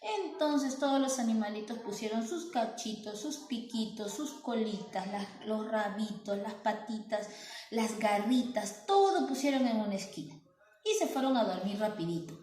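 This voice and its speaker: A woman telling a story to children, animated and often asking the listener questions. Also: on the high side, moderate pace. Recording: roomy echo.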